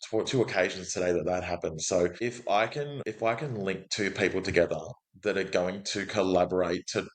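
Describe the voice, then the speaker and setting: An outgoing Australian man, a business development manager, chats casually as an interview guest, often restarting and acting out quotes. His voice is deep and fairly quick, and the recording quality is low.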